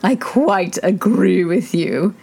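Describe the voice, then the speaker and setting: A woman's voice: fairly low pitch, gravelly, darkish tone, husky, heavily acted. A woman voicing a fussy old duchess who drags out her words pompously, as if moralizing. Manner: slow, drawn-out and pompous.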